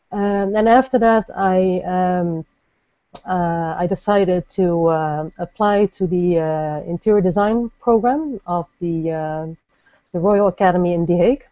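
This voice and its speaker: Dutch-born woman, mellow and unhurried. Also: lowish voice, dry recording, dull audio. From Netherlands. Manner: thoughtful, many pauses and fillers. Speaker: guest lighting designer. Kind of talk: podcast interview.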